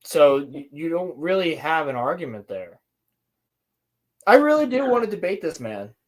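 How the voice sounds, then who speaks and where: Brief: male podcast host, casual reaction chat, slightly high voice, halting. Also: big pitch swings. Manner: easygoing, halting, repeats words.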